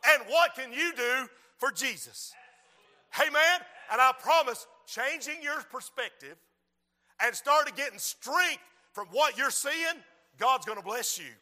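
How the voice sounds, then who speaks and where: Casting: a man preaching in a big reverberant hall, high voice with a sharp edge, repeats his phrases, rises to shouts. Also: animated, a little slow. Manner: rhythmic repetition, swings from quiet to shouting. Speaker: preacher and school principal. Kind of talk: sermon.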